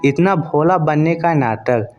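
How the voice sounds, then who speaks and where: A man's voice: on the high side, measured pace, muffled recording, soft background music, natural voice. A man voicing an angry young husband. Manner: shouting, accusing. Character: angry young husband accusing his wife.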